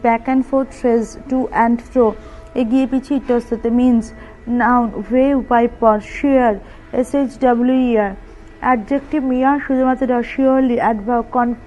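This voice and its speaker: A woman English tutor with a Bengali accent, slowly reading a vocabulary list and spelling words out letter by letter. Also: a little high, a little mellow, rough recording.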